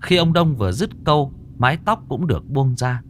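A man's voice: medium pitch, moderate pace, a little hiss or hum. Man telling a ghost story. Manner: lively, dramatic telling.

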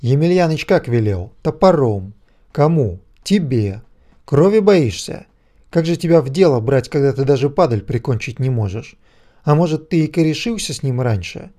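Bossy harsh bandit guy, narrator putting it on, higher and pushy, scolding. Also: unhurried, creaky, hardly any pauses, darkish tone. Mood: scornful. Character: stern armed bandit, bossy and contemptuous.

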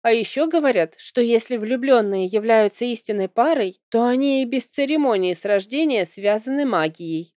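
A woman's voice: fairly high pitch, animated, normal speed, few pauses, a little mellow, no room sound, clean studio sound, lightly acted. A woman reading aloud, voicing an eager, cheerful young man companion in an audiobook. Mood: earnest.

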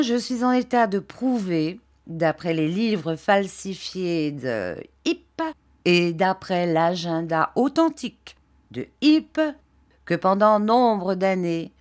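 A woman reading a pompous gentleman's letter. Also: fairly low pitch. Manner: florid, declamatory.

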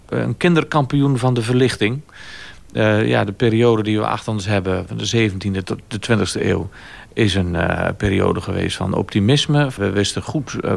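Low gravelly man reflecting thoughtfully. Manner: thoughtful, pausing with fillers. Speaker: commentator. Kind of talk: reflective radio commentary.

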